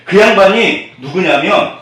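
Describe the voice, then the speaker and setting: A man preaching a sermon as pastor. He keeps asking the congregation questions and swings from loud, emphatic bursts to near-whispered asides. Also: high-pitched, a little slow. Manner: animated, call-and-response questions to the congregation. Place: church sanctuary. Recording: echoey church hall, mic at a distance.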